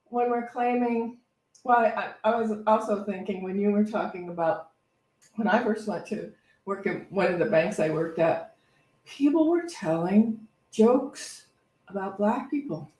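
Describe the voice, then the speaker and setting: In a mid-range, somewhat dark voice and a slightly slow pace, a female reverend speaks off the cuff, sharing reflections and stories to inspire. She circles back on phrases as she finds her way. It's recorded from afar in a room full of echo.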